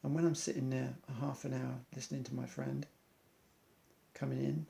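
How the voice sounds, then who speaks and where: A man's voice: medium pitch, level tone, normal speed, creaky, dark tone. A man, an amateur athlete, earnestly reciting an inspirational monologue in loose rhymes.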